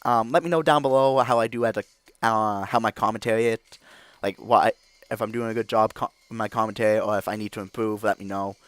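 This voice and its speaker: A man hosting a gaming channel who gives rambling, filler-heavy video game commentary and gets excited and loud at times. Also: on the low side, fast talker, no echo.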